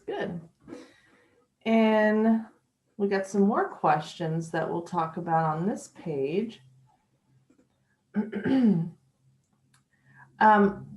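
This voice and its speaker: A woman's voice: mid-range voice, a little mellow. A woman teaching English in a patient, chatty way during an online lesson. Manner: slow, patient, chatty with light laughs. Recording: echoey room.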